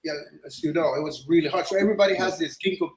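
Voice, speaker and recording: Very fast and on the high side, the man talking is a middle-aged illustrator from Ecuador appearing as a guest. He chats loosely in a casual interview, full of restarts and fillers, inside an echoey room.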